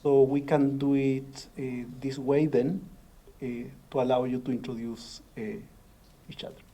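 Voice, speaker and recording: A man moderating a panel discussion, speaking haltingly with many filler sounds. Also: medium pitch, level tone, warm tone.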